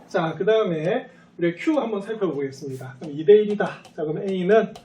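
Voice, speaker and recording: A man teaching a high school math lesson who keeps asking and answering his own questions as he works through each step. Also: moderate pace, warm tone, recorded from a distance. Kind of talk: recorded math lecture.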